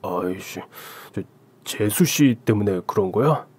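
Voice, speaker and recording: A man voicing a blunt, rough-spoken male friend who scolds but is concerned, in a told story. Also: on the low side, expressive, measured pace, darkish tone, no room sound. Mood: scolding.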